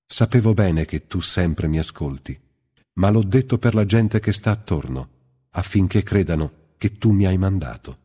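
A man reading a grave, deliberate teacher's voice. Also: low-pitched, expressive, dark tone, breathy edge. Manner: slow, deliberate, solemn. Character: calm, authoritative male teacher speaking gravely. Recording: long hall reverb.

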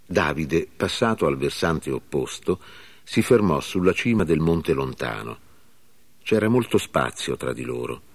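A man reading a scripture passage aloud in a measured, solemn manner. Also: rumbling low, lively intonation, vocal fry. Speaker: scripture reader.

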